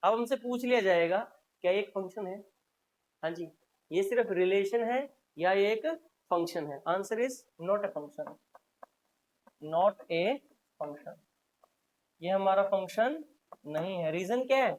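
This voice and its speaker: A man's voice: high voice, unhurried, pauses often. A male maths teacher giving a classroom lecture, asking questions and answering them himself with frequent prompts to the class. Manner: repetitive, drilling, frequent "haan ji" prompts.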